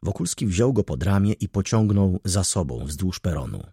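Low husky guy reading a novel aloud, lively and expressive, very dry close sound. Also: normal speed, dry recording. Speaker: audiobook narrator. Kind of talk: scripted narration.

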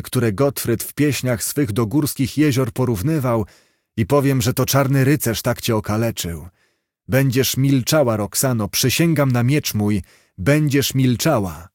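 A man's voice: medium pitch, measured pace, a little mellow, no echo, studio quality, close to an everyday voice. A man doing a cruel scheming count, menacing. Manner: menacing, threatening.

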